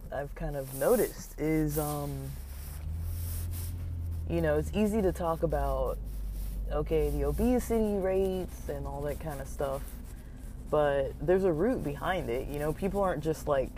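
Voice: medium pitch, a little slow, warm tone. A podcast host giving a casual, rambling, informal monologue with hesitant, meandering delivery, recorded inside a car while driving. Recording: muffled road noise inside moving car. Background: vehicle noise.

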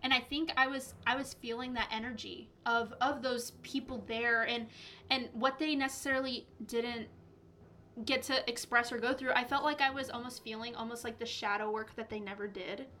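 A young woman with a fairly high, very bright voice speaks as a podcast guest. She tells personal stories casually, in emphatic, colloquial phrasing peppered with "like". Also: steady tone, moderate pace, slight background noise. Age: young adult.

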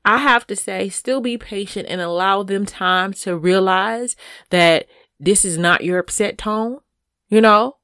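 A woman's voice: mid-range voice, a little slow, fairly bright tone, smooth, no echo, studio quality. A woman in her thirties chatting casually as a podcast co-host, speaking frankly and with emphasis, often checking in with "right?". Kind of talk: casual chat.

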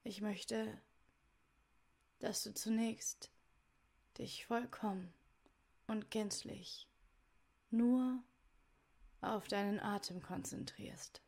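A woman leading a guided meditation in a soft, soothing voice, giving measured instructions in short phrases that sometimes trail toward a whisper. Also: mid-range voice, steady tone. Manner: soft, soothing delivery with breathy, near-whispered phrase endings.

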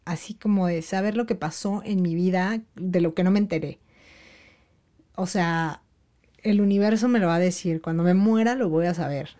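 A woman's voice: medium pitch, warm tone. A woman with a Mexican accent chatting casually to her viewers, rambling through slangy phrases with many fillers and little laughs. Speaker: vlogger.

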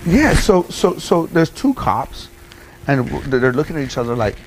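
A man's voice: a little high, sing-song, normal speed, slight background noise. A middle-aged man in an interview, telling a personal story in a rambling way with many fillers and repeats. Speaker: interview guest.

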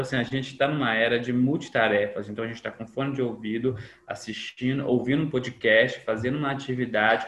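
A man's voice: mid-range voice, fairly bright tone. A man as a podcast guest in casual conversation, reflective, often acting out quoted dialogue. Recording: echoey room with faint noise.

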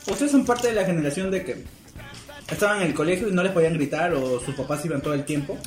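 A young man, chatting casually in an animated, questioning way. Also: a little high, fast, echoey room, music in the background. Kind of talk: casual chat.

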